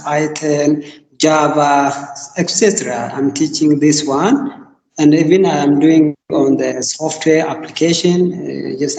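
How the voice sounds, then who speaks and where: A man from Ethiopia speaks very slowly and with care, in a mellow, somewhat high voice. His call audio carries a long, roomy echo and faint hiss. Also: vocal fry. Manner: slow, careful, hesitant non-native phrasing. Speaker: university computer teacher. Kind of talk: casual conversation practice. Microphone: online call.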